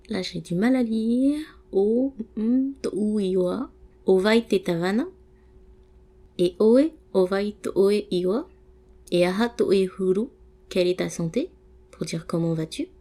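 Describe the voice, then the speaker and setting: A woman's voice: medium pitch, dark tone. A woman giving a casual language lesson, reading out word lists and glossing each item, friendly and encouraging, with frequent fillers. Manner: reads word lists with French glosses, pausing between items. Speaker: language teacher.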